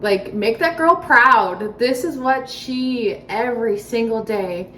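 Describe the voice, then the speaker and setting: A fairly high-voiced woman chats to her viewers about daily life, talkative and openly dramatic, breaking into laughter often. She is a stay-at-home mom filming in her home kitchen. The sound is roomy and echoey, with her voice picked up from a few feet off the mic. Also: slow, bright, forceful tone, recorded from a distance. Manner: chatty, self-described dramatic, laughs often. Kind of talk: casual chat to camera. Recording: echoey room, voice off-mic, faint background noise.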